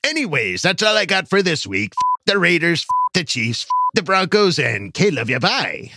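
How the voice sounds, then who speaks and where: A man's voice: a little high, normal speed, a little hiss or hum. A man sending a voice message to a podcast, reading out his questions with playful fan energy. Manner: animated, playful sports fan.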